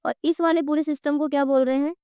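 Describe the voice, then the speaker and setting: A high-voiced woman with an Indian accent teaches an exam-prep lecture, her throat a little sore. She keeps asking her students questions and answers them herself as she draws diagrams. The sound is dry and close, with no room around it. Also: fairly even intonation, fast talker, dark tone, no room sound. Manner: quizzing students with repeated questions; drawing on a board while explaining.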